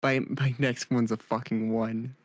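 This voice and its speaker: A player at a tabletop game, excitable and quick to swear and laugh. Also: mid-range voice, no echo. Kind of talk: casual chat at a game table.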